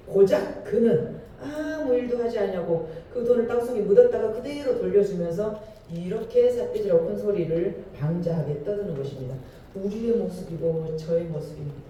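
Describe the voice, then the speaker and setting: A man's voice: high voice, normal speed, warm tone, slight background noise. A male pastor preaching a Sunday sermon in a church, asking the congregation questions and stressing his points with emphasis. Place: church sanctuary. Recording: echoey hall from far off.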